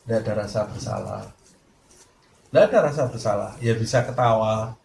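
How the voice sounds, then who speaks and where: A man's voice: on the low side, normal speed, gravelly. A male Islamic preacher giving a sermon, telling stories and acting out the lines of the people in them. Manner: lively storytelling, acting out quoted dialogue. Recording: echoey room with faint noise.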